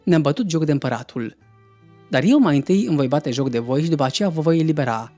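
A man's voice: on the high side, lively intonation, a little mellow, faint music behind, lightly acted. A man voicing a harsh, angry, mocking male emperor in a stern and scornful manner.

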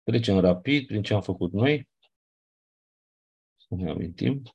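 A man's voice: lowish voice, animated, darkish tone, breathy edge, highs cut off. A man teaching a class, reviewing grammar step by step and often checking in with his students. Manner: patient, checks in with "nu?" and "da?". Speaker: teacher of Ancient Greek.

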